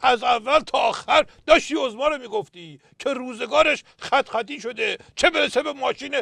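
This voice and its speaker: A man's voice: extremely high pitch, creaky, pushed and bright, dry recording, clean studio sound. A man playing a satirical pundit, telling anecdotes with punchlines and emphatic outbursts. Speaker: satirical pundit character "Doctor". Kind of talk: scripted political satire sketch.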